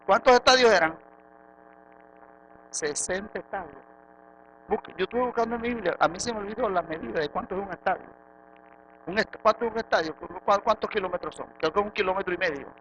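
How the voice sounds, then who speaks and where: A man with a Venezuelan accent, a pastor preaching a sermon in church, swinging from soft asides to loud rhetorical questions. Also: sits high, brisk, long pauses, dull audio, slight background noise. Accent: Venezuelan Spanish. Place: church sanctuary.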